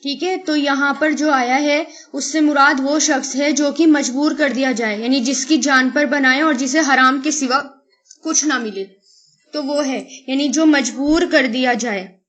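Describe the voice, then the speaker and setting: A woman teaching a Quran lesson. She takes one Arabic word at a time and explains it slowly in Urdu, mixes in English words, and poses rhetorical questions. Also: high voice, fairly bright tone. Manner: asks rhetorical questions to the listener.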